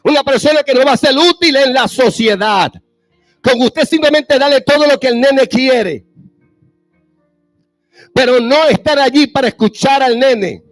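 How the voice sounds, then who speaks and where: High-voiced preacher man. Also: unhurried, pauses often, no echo, soft background music. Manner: speaks straight to the fathers in the audience with rhetorical questions. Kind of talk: sermon.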